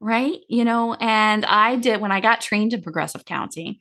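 A woman's voice: mid-range voice, normal speed, sharp tone. A woman grief counselor talking casually in an interview, explaining in long run-on sentences.

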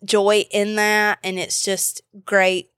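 A woman chatting informally as a podcast co-host, with a slightly hoarse voice at a middle pitch. The sound is dry and close, with very little room on it. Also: little pitch movement, slow, a bit bright, dry recording. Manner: informal, conversational. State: hoarse, voice recovering after losing it. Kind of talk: casual chat.

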